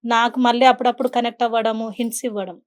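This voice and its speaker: A woman's voice: a little high, little pitch movement, racing. A woman guest on an interview show, earnestly telling a personal story and mixing in English words. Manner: earnest, mixes English words into her speech.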